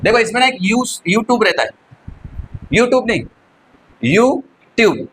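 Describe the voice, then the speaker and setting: A man's voice: extremely high pitch, very animated, moderate pace, fairly bright tone, slight background noise, low-quality recording. A male physics teacher giving a classroom lecture, constantly asking the students questions and answering them himself, with English terms mixed into his explanation.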